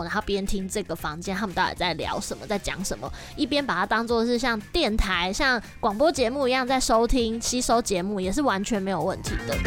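A young woman, hosting a casual podcast and telling stories in a lively, chatty way. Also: a little high. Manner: lively, chatty, animated storytelling. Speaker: podcast host.

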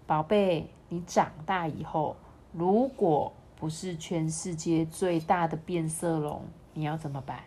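A woman voicing a gentle mother chameleon in a picture book, speaking softly and soothingly. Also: low-pitched, steady tone, measured pace, slight background noise, voice pushed down. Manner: soft and soothing.

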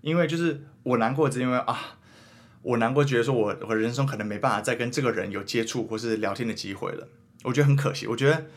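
A young man in his twenties with a Taiwanese Mandarin accent, hosting a podcast in casual chat and thinking out loud in an earnest, rambling way. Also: medium pitch, fast. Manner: earnest, rambling, self-questioning. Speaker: podcast host.

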